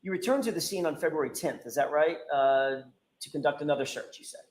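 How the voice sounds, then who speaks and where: A man's voice: on the high side, quick pace, a little mellow. A male defense attorney cross-examining a witness with persistent, pressing questions in a courtroom. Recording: roomy courtroom audio with faint ambience.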